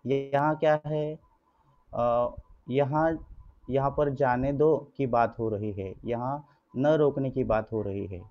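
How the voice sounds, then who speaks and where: A man teaching an online grammar lesson to schoolchildren, his voice sitting at an ordinary middle pitch. He speaks in a patient, explanatory way, constantly asking rhetorical questions and answering them himself. The recording is dull and lo-fi. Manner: addresses pupils as children, patient and explanatory.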